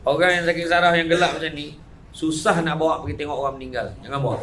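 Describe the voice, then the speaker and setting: Animated Malaysian male motivational speaker. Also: on the high side, fast, very noisy. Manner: animated storytelling, jumps between loud outbursts and quiet asides; chuckles often while telling anecdotes. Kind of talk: lively motivational talk with stories. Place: event venue before a live audience.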